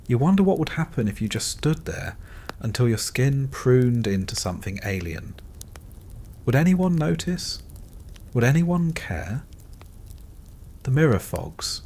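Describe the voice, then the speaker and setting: A man narrating a scripted bedtime story in a calm, dryly wry second-person voice. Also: fairly low pitch, a little hiss or hum.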